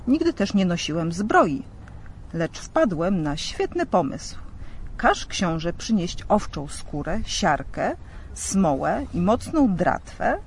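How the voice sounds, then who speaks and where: A man's voice: sits high, slight background noise, exaggerated voice. A man voicing a poor, eager young shoemaker, bold and earnest, in a storybook reading.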